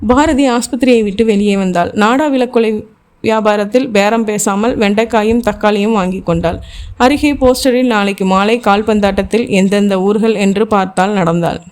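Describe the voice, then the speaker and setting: A woman's voice: medium pitch, normal speed, a little mellow. A woman reading a thriller novel aloud as an audiobook, speaking every character's dialogue in her own voice. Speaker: audiobook narrator.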